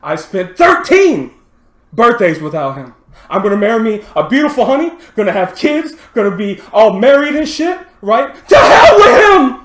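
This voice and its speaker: A man acting out a young man who shouts in anguish at an absent father, rising to a cry. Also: very high-pitched, very animated, quick pace, few pauses, a little hiss or hum, pitched above the performer's own voice. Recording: roomy echo.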